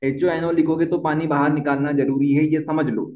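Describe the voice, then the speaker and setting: A man's voice: fairly high pitch, level tone, moderate pace. A young man teaching a chemistry lesson, often repeating key points and asking the class questions. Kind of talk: board-exam lesson at a whiteboard. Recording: dull, echoey room.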